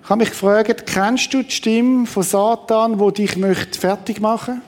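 A man delivers a sermon from the pulpit. His voice sits high, and he preaches with animated energy, jumping into quoted voices and restarting his sentences as he goes. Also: measured pace. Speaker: pastor.

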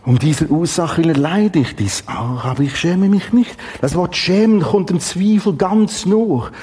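A middle-aged man preaching a Bible teaching, dramatic and emphatic with exclamations and long pauses. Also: high voice, lively intonation, dark tone, slightly rough.

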